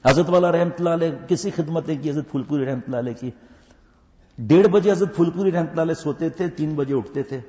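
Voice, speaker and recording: A fairly high-voiced older man preaches to students, swinging between loud fervent urging and slow, hushed storytelling. His voice rings around a large echoing hall, captured on a dull, lo-fi recording. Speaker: Islamic scholar giving a talk to madrasa students. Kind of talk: Urdu religious talk with anecdotes. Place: mosque or madrasa hall.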